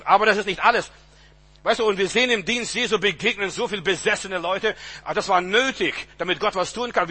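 A man's voice: high-pitched, sharp tone, slightly rough. A man preaching a sermon, emphatic and repetitive, often restarting with stammered words, on a radio-style recording.

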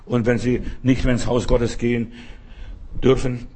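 A man preaching with a husky, slightly breathy voice. He talks emphatically, repeats phrases for weight, and speaks straight to the listener. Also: medium pitch, flat delivery, measured pace, dark tone. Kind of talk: sermon.

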